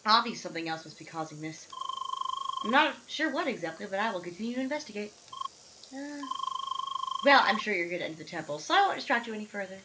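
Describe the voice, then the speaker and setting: A woman voicing a self-assured, matter-of-fact female scientist in a lowered, precise voice. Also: animated, fast, pauses often, very noisy, natural voice. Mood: smug. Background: loud game music.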